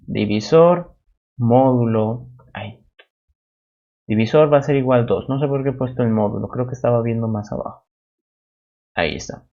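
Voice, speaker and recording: A man's voice: mid-range voice, a little mellow, dull audio. A man teaching a programming class, explaining step by step as he types code, often checking in with a questioning "no?". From Bolivia. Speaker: teaching assistant. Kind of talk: live-coding programming lesson.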